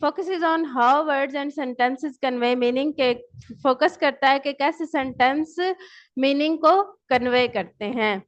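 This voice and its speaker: High-pitched woman teacher, slow, asks then answers herself, dull lo-fi audio. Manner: asks students questions and answers them herself; switches between English and Urdu. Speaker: lecturer. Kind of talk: online lecture. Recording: dull lo-fi recording.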